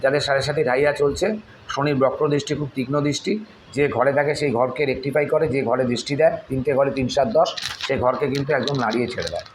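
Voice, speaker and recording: A man who chants mantras slowly and then explains their spelling and use in religious instruction. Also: medium pitch, fairly even intonation, slight background noise, low-quality recording. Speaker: astrologer teaching tantric mantras.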